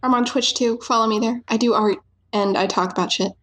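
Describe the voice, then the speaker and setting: A woman's voice: fairly high pitch, steady tone, brisk, crowd noise. A woman chatting casually as a podcast guest, joking at her own expense and swearing freely. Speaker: podcast guest, artist and streamer. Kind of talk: casual chat.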